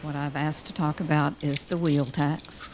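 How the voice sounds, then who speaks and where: A woman giving a deliberate, measured public comment at a meeting. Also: low-pitched, level tone. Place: indoor meeting room. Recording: faint room noise.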